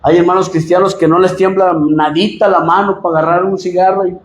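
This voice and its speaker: A Mexican pastor preaching a sermon, swinging from loud emphatic lines to low asides. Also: male voice, flat delivery, brisk, roomy sound, slight background noise, low-quality recording.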